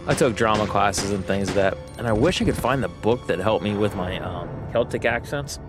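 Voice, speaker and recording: A man's voice: fairly low pitch, fairly quick. A man from the United States chatting casually while he plays a game on a livestream. He rambles, thinks aloud and corrects himself, with lots of fillers. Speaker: streamer. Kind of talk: casual gameplay livestream chat. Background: game music.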